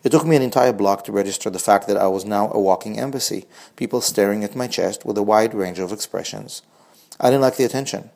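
A man's voice: lowish voice, fast, gravelly, a little mellow. A man in his forties with a wry, reflective manner, reading his own scripted personal essay as a blog host.

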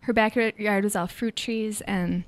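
A young woman with a light Minnesota accent chats as an interview guest, rambling warmly through fillers and frequent laughs. Her voice sits at a middling pitch and is recorded close and dry. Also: steady tone, a little slow, no room sound. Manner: chatty, laughs often, trails off with fillers. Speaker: guest artist. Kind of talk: casual interview conversation.

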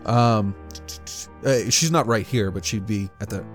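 Male game master, low pitch, narrating tabletop fantasy scenes over faint music. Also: a little slow.

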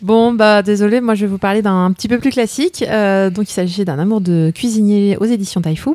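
Animated Parisian woman reviewing manga. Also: mid-range voice, fairly quick, no echo. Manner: lively, laughing, many fillers. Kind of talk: casual panel chat.

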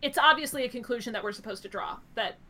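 A woman's voice: a little high, animated, quick pace, a crowd in the background. A woman co-hosting a podcast, thinking aloud about a TV episode in casual chat, full of "like" and "I was like". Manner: thinks aloud, theorizing with many "like" fillers. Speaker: podcast co-host.

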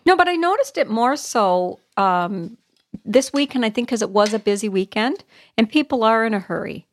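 A middle-aged woman, co-hosting a casual chat podcast, animated and quick to get riled. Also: a little high. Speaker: podcast co-host.

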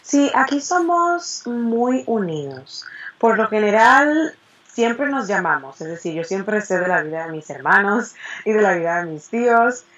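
A woman's voice: medium pitch, big pitch swings, measured pace, a bit bright, muffled recording. Cheerful Dominican woman in her twenties. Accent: Dominican Spanish. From Dominican Republic. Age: 20s. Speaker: interview guest. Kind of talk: casual interview answers.

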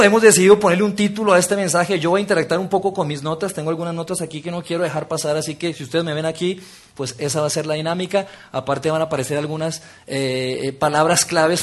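A man preaching a sermon, engaging the audience with exercises and dropping to a soft, intimate tone for key points. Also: a little high, fairly even intonation, fast talker.

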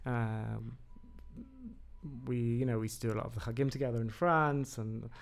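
Gravelly man, halting with many fillers. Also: medium pitch, steady tone. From England. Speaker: podcast guest. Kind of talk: casual conversation.

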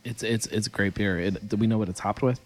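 A man with a very low voice hosts a podcast, chatting casually. He rambles with plenty of filler words and laughs easily. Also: fairly even intonation, a little fast, faint music behind. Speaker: podcast host. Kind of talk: casual chat.

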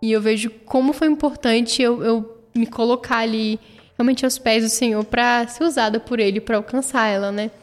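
A woman's voice: fairly high pitch, steady tone, moderate pace. Earnest woman sharing testimony. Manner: earnest, emotional storytelling. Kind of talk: personal faith testimony. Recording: long reverb, soft music behind.

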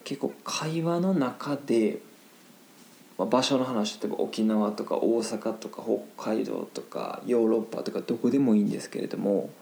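A man teaching Japanese vocabulary in a casual lesson, explaining slowly in simple Japanese with English glosses mixed in. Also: on the low side, creaky, darkish tone, echoey room, rough recording.

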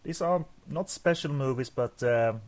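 A man's voice: mid-range voice, normal speed. A man co-hosting a casual movie podcast, stammering and repeating words, often chuckling. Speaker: podcast co-host.

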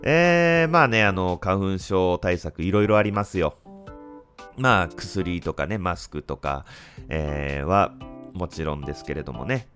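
A man in his thirties with a congested, stuffy-nosed voice, chatting casually on his own as a podcast host, with frequent pauses. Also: sits low, a bit bright, soft background music. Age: 30s.

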